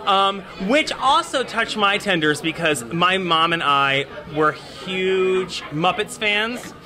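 A man's voice: animated, pushed and bright. A man interviewing a guest with a handheld mic in a busy restaurant, gushing and effusive. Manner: gushing, effusive, quick swings in pitch. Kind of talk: casual interview chat. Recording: crowded restaurant chatter behind. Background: restaurant crowd chatter.

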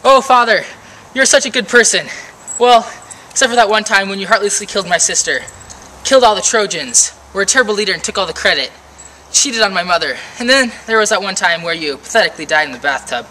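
A woman's voice: medium pitch, expressive, quick pace, pushed and bright. A woman playing a vengeful young prince, mixing sarcasm with melodrama. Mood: sarcastic. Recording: roomy, distant camera mic, noisy.

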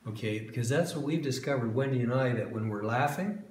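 A man instructing someone through a demonstration, with a medium-pitched voice and a patient, prompting way of asking question after question. He is recorded in a roomy indoor space with a faint background hiss. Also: fairly quick, darkish tone. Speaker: instructor leading a blindfold exercise. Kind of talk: guiding a live demonstration.

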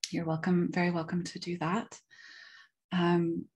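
A woman gives a guest lecture over a video call, speaking slowly and deliberately. Her voice sits on the low side. She sounds careful and considerate of her audience. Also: monotone, darkish tone. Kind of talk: online academic lecture.

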